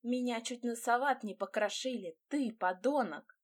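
A woman's voice: on the high side, moderate pace, lightly acted. A woman voicing a fiery young bride who answers sharply and sarcastically in an audiobook. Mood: furious.

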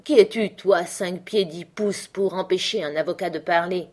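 A woman's voice: fairly low pitch, moderate pace, lightly acted. A pompous indignant lawyer, read by a woman. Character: pompous tipsy lawyer, man.

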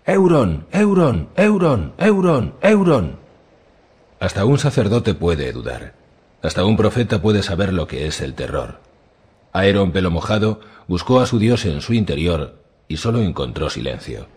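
A man narrating an audiobook in a measured, dramatic storytelling manner. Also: low voice, big pitch swings, a little mellow, breathy edge. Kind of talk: scripted narration.

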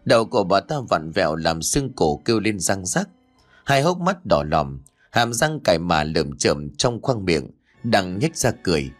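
Animated low-voiced male horror storyteller. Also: normal speed. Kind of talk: scripted horror story narration. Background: faint music.

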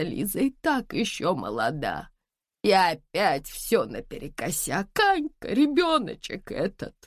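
A woman reading a gentle, worried old mother. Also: extremely low pitch, creaky, dry recording, studio quality, heavily acted. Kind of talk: audiobook dialogue.

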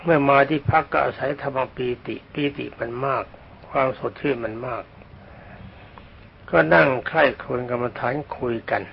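An older man, a Buddhist monk, telling a slow dharma story, often clearing his throat, on a dull old recording. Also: mid-range voice, a little hiss or hum.

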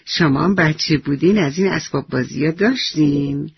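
A man's voice: on the high side, creaky, slightly rough, dry recording, highs cut off, exaggerated voice. A man voicing a curious, eager little boy. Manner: eager and wondering. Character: cheerful, curious young boy.

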